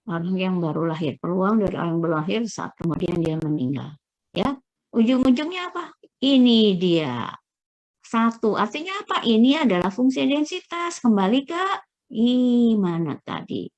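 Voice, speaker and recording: A middle-aged woman lecturing through slides, explaining step by step with frequent checking pauses and searching fillers. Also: mid-range voice, animated, darkish tone.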